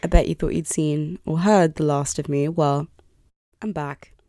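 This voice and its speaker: Hosting a solo podcast from her bedroom, a woman in her early twenties speaks candidly and apologetically, with a self-deprecating, confessional manner. Her deep voice is steady, unhurried and mellow. She uses a close podcast microphone, and the sound is clean studio quality with no echo.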